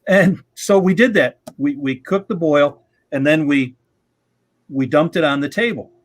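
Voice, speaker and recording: A man's voice: on the high side, measured pace. A middle-aged man hosting a live radio-club stream, telling rambling, chuckling anecdotes in casual chat.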